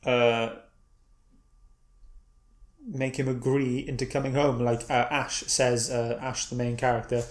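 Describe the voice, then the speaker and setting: A man chatting his way through a comic book review, wandering from point to point and restarting his sentences as he goes. His voice sits at an ordinary middle pitch. The room around him is bare and echoey. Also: flat delivery, a little slow, pauses often. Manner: meandering, self-correcting retelling. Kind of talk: casual read-and-review chat.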